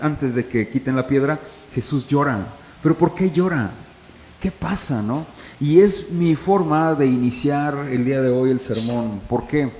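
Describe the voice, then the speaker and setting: A man's voice: medium pitch, darkish tone, a little hiss or hum. A pastor preaches in an easy, conversational way, often turning to his congregation with questions. His voice carries a long reverb through a roomy church hall. A faint ambience sits beneath him. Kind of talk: sermon.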